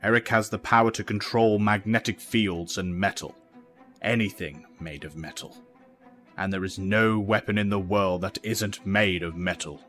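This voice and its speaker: An actor playing a calm, grave older professor mentoring young people, measured and authoritative, in an audio drama. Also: male voice, on the low side, soft background music, close to an everyday voice.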